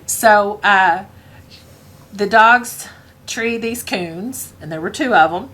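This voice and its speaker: A woman telling a comic personal story, unhurried, chuckling as she goes, with lots of ums and uhs. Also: mid-range voice, a bit bright.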